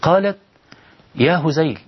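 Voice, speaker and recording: A man's voice: on the high side, expressive, normal speed, slightly rough, muffled recording. A man with an Egyptian accent preaching on a televised call-in show, pleading and firing rhetorical questions at his listeners. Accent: Egyptian Arabic. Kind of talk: televised sermon with callers.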